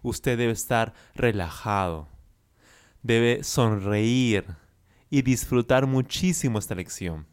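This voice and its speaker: A man teaching as a Spanish coach, enunciating slowly and carefully through repeat-after-me drills and praising the listener often. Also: mid-range voice, smooth.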